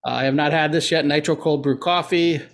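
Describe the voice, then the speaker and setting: A man's voice: on the high side, a little fast. Nasal guy cohosting a chill podcast, easygoing, lots of uhs. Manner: relaxed, chatty, filler-heavy. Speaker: podcast co-host. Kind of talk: casual podcast chat.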